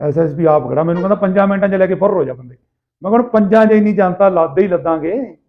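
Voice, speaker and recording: A man with a Malwai Punjabi accent casually telling anecdotes in rough, earthy, animated banter, acting out people's dialogue. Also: high voice, quick pace. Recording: tinny, phone-like narrow sound.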